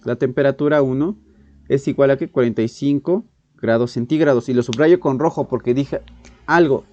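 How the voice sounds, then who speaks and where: A man with a Mexican accent teaching a physics exam-prep lesson, thinking aloud with halting restarts, frequent "ok?" and clearing his throat. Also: medium pitch, warm tone. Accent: Mexican Spanish. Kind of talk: exam-prep lesson working through problems. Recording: muffled, dull sound in a dry room.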